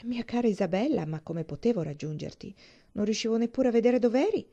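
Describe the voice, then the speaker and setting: A woman's voice: fairly high pitch, expressive, brisk, mellow, muffled recording, pitched above the performer's own voice. A woman reading aloud and voicing a shy, earnest young woman in an audiobook. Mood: timid.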